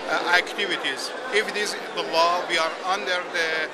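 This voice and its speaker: A man from Iran with a Persian accent answers interview questions haltingly, searching for his words. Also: sits high, fairly even intonation. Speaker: NGO delegate being interviewed. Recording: loud outdoor traffic and street noise.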